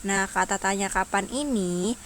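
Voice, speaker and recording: A woman's voice: medium pitch, unhurried, slight background noise. A woman primary school teacher, giving an online lesson to young children and patiently asking them questions before answering them herself.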